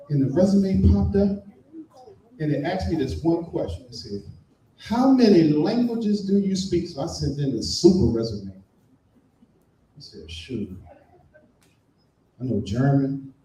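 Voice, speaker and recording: A man's voice: a little high, animated, slow, pauses often, mellow, slight background noise. A man doing a stand-up comedy set, telling a story and acting out the voices of the people in it. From Washington, D.C. area. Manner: storytelling, acts out voices, sings briefly. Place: live comedy show in a room. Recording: echoey room from far off.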